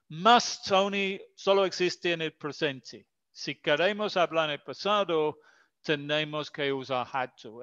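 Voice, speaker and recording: Male English teacher, native English speaker, slow and patient delivery in Spanish with English examples, smooth voice on slightly dull audio. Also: fairly high pitch, a bit bright, no echo. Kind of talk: online language lesson.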